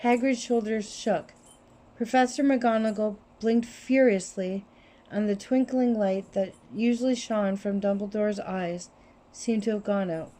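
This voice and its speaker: Woman narrator for a storybook reading, steady and expressive, with a mellow tone, recorded on a phone. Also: medium pitch, a little slow. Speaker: reader. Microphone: cell phone.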